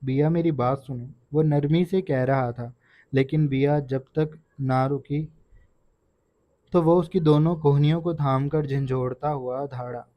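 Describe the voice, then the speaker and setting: A man narrating a romance novel aloud in a steady, earnest storytelling manner, in a dry, dull recording. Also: fairly high pitch. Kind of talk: audiobook narration.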